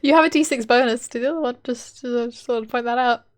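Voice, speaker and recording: A woman plays a tabletop game and banters casually with the table. Her voice sits a little high. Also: fast.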